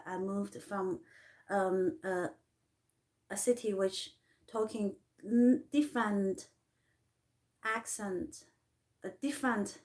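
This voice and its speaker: A woman with a Chinese accent, a non-native English speaker, telling her life story in a personal vlog, halting and full of fillers and restarts. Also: mid-range voice. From China. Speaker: artist vlogger.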